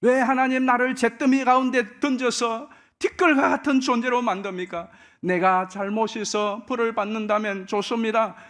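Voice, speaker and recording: A man's voice: very high-pitched, moderate pace, voice pushed up. A man voicing an anguished, suffering man who protests his innocence and pleads for an answer. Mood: pleading. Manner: pleading, indignant.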